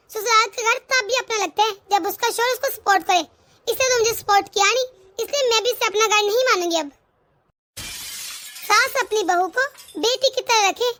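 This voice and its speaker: A woman voicing a sharp-tongued young daughter-in-law in a cartoon family drama, arguing indignantly. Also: very high voice, dry recording. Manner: argumentative, indignant. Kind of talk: cartoon voice acting.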